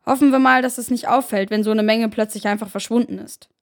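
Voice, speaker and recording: A woman voicing a loud, coarse male drug dealer who smokes heavily and talks bluntly in slang, shouting as if on the phone. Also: a little high, steady tone, fast talker, close to an everyday voice. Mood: mocking.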